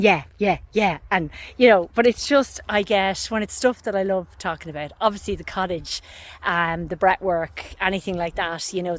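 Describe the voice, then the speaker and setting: A middle-aged Irish woman with a slightly husky voice, chatting excitedly to a handheld phone camera outdoors, rambling and self-deprecating. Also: medium pitch. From Ireland. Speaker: cottage owner and wellness host. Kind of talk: casual chatty update to camera. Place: outdoors by a paddock with horses. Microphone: phone camera held by hand.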